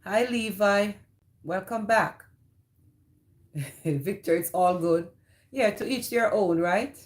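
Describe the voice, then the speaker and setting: In a slow, mid-range voice, a woman with a Jamaican accent hosts a relaxed livestream. She works through the chat, answering comments and greeting viewers by name.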